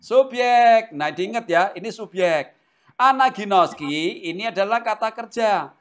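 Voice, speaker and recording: A man's voice: high voice, unhurried. A man teaching a Greek language class who keeps quizzing his students. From Indonesia. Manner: animated, asks the class questions often. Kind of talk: classroom lesson.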